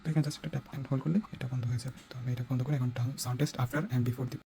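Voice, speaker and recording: A man casually explaining a speaker mod step by step, checking in with his listeners and pausing to search for words. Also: medium pitch, steady tone, vocal fry, low-quality recording. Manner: talks step by step, checking in with "right?"; hesitant, with searching fillers while judging sound. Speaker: DIY tutorial host.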